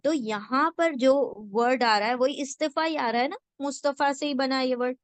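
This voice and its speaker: A woman teaching a word-by-word scripture translation lesson, slowly and patiently, repeating each word and checking that listeners follow. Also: high-pitched, no room sound. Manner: slow patient teaching, repeats words and asks "theek hai?".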